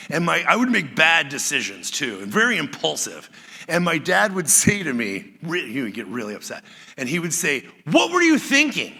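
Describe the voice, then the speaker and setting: A middle-aged man preaching a conversational, animated sermon as pastor. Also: mid-range voice, creaky, breathy edge, big-room sound. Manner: animated, conversational, acts out quoted lines.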